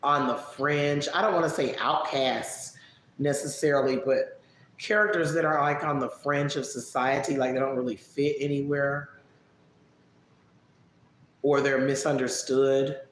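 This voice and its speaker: A man casually answering viewer questions on a live stream, relaxed and chatty, musing aloud as he thinks. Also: mid-range voice, measured pace. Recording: echoey room with faint background noise.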